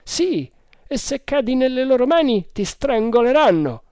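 A narrator voicing a jovial, bossy male army sergeant who calls out in a loud, high, hearty voice, in a storybook reading. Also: big pitch swings, measured pace, smooth, no room sound, clean studio sound, full character voice. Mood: confiding. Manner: hearty, calling out.

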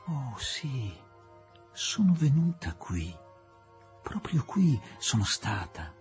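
A man reading an audiobook and voicing a gentle, dreamy elderly English woman who talks softly and forgetfully. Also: medium pitch, big pitch swings, moderate pace, vocal fry, faint music behind. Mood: wistful. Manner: soft, wistful and forgetful.

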